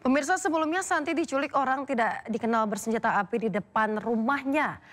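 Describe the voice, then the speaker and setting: A woman's voice: high voice, brisk, fairly bright tone. A woman anchoring a television news bulletin, reading formally and addressing the viewers directly.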